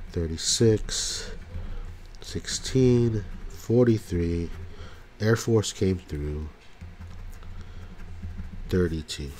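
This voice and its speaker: A man with a low, darkish voice, congested from a cold, slowly calls out numbers one by one as he scratches lottery tickets. It's casual commentary, with slight background noise.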